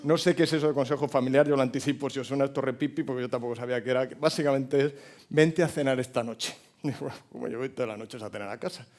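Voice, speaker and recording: Animated Spanish man giving a talk. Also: mid-range voice, very fast. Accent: Spain Spanish. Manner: animated, jokes with the audience and asks it questions. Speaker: speaker at a hospitality forum. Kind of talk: motivational talk with storytelling.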